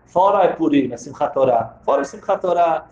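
A man's voice: on the high side, animated, a little fast, darkish tone. A man telling a story in a dramatic sermon, emphatic and repeating key phrases for weight. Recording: roomy, slightly dull sound.

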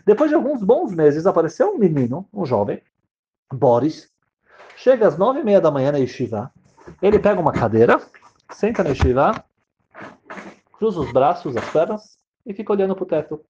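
A man's voice: fairly high pitch, big pitch swings, normal speed, pauses often, a little mellow, slight background noise. A man telling a story in a rhythmic, repetitive way. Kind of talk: spoken storytelling. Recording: dull lo-fi sound.

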